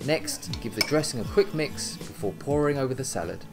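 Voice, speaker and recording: Man, thirties, cooking host, clear and upbeat, home kitchen, background music. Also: mid-range voice, sing-song, fairly quick. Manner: upbeat, clear step-by-step instructions. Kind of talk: recipe narration and tasting.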